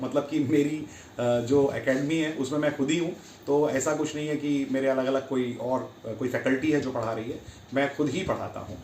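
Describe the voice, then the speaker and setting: A man's voice: a little high, a little hiss or hum. A man teaching a guitar lesson, explaining in a casual, easygoing way and calling out notes and fret numbers as he plays. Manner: casual explanatory Hindi with English terms. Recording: echoey room with loud guitar playing.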